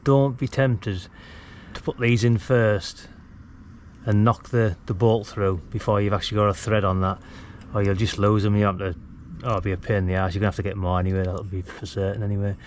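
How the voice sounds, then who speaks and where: This British man's voice sits on the low side, level in tone, fairly quick and a little mellow. He talks informally while working on a DIY project at the brick wall of a house outdoors, a vlogger and radio hobbyist recorded clearly amid outdoor work ambience.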